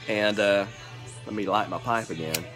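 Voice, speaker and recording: A man's voice: lowish voice, moderate pace. An American man in his fifties chatting casually to camera in a folksy, laid-back way with playful catchphrases, as host and hobby pipe maker. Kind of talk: casual vlog chat. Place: covered porch outdoors. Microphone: camera or phone at arm's length. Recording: faint radio music behind voice. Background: local radio playing music.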